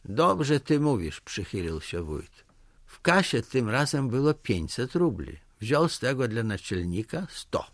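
The voice is a man reading a story aloud at an unhurried pace, his pitch rising and falling with plenty of life. The recording is dry and close, with no room sound. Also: sing-song, no echo. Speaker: narrator. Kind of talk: storybook narration.

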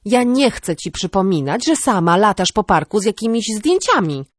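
A woman's voice: fairly low pitch, lively intonation, normal speed, dry recording, studio quality. A woman voicing an exasperated, scolding older cousin. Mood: sarcastic. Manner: scolding, sarcastic.

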